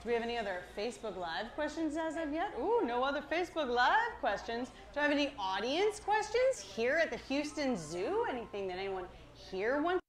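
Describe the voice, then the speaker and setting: A cheery, enthusiastic zookeeper and presenter gives an educational talk to a live audience through a worn or held presenter microphone. Her high voice is very animated and brisk, with few pauses, and clear ambient noise sits behind it.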